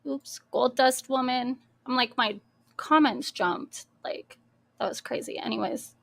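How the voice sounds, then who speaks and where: A woman's voice: sits high, measured pace, gravelly, fairly bright tone. A young adult woman hosting a casual live stream, chatty and easily amused, greeting viewers by name. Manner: chatty, greets chat names one by one, laughs easily.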